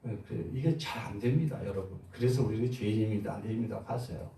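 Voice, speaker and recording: A man's voice: quick pace, slight background noise. Man preaching in an echoey sanctuary. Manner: call-and-response preaching, asks the congregation questions; swings between loud exhortation and soft low asides. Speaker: pastor. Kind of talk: sermon. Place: large church sanctuary. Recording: roomy echo, far from the mic.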